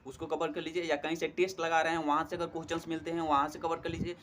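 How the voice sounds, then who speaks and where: Young guy w chatting exam tips, bit high voice, lots of "um"s, slight hiss behind. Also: level tone, quick pace, a bit bright. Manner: friendly, repeats "theek hai doston", many fillers. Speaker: exam prep tutor. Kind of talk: casual study advice talk.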